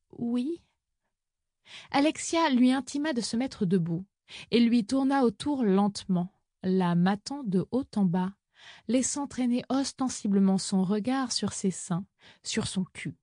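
A woman narrating an audiobook story in an even, measured reading on a close microphone. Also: medium pitch, dry recording.

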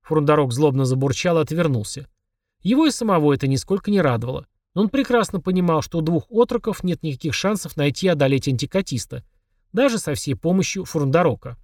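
A man narrating an audiobook in an even storytelling manner. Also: fairly high pitch, fast, no echo, clean studio sound, distant mic. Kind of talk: scripted narration.

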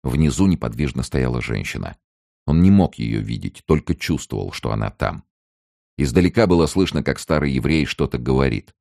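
A man reading a novel aloud as an audiobook narrator, in a steady, measured storytelling manner. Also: very deep voice, vocal fry, dry recording, clean studio sound. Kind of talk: scripted narration.

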